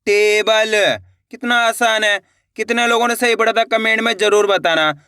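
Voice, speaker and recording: A Hindi reading teacher giving an online lesson, sounding out words slowly syllable by syllable and encouraging viewers as friends. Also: mid-range voice, steady tone, bright, forceful tone, clear, resonant tone, no room sound, clean studio sound.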